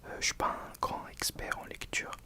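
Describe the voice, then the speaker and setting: This is a book reviewer speaking to viewers entirely in a hushed library whisper. The voice is breathy and soft, with no real voicing, in an ASMR style. The delivery is hesitant, with thoughts corrected along the way. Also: normal speed.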